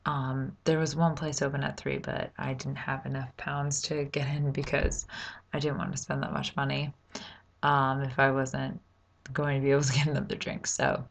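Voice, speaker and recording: A young American woman with a creaky voice chatting casually in a vlog, rambling and halting as she goes. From United States. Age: young adult. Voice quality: low, creaky voice. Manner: rambling, halting, informal with swearing. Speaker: vlogger.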